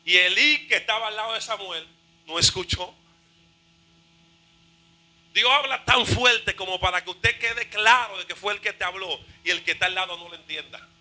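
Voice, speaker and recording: A male pastor preaching a fervent sermon, shouting and half-singing his phrases. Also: sits high, moderate pace, poor audio.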